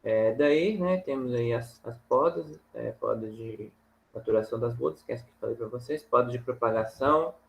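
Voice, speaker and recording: A man teaching a farming course over slides, talking in a halting way with many fillers and tag questions. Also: medium pitch, gravelly, low-quality recording. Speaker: agronomy instructor.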